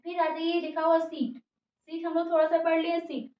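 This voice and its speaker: High-voiced woman teacher in an echoey room. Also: completely flat delivery, normal speed. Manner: spells words out letter by letter, repeats "theek hai" often. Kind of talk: English spelling and pronunciation lesson. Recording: muffled, echoey room, voice from a distance.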